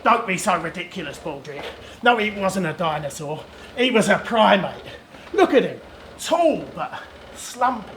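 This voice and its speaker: A man playing a pompous, posh old male archaeologist with a plummy manner, in an echoey venue with a loud crowd. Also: high voice, sing-song, measured pace, slight background noise, voice pushed down, exaggerated voice. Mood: haughty.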